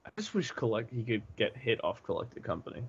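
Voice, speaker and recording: A man's voice: on the low side, sing-song, brisk, creaky, slightly rough, lo-fi sound. A young man co-hosting a card review in an easygoing, agreeable way, often trailing off mid-thought. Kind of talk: casual chat.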